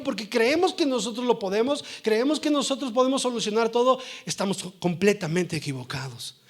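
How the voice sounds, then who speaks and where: High-voiced male pastor preaching. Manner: lively preaching, asks the congregation for amens. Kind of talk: sermon. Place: church.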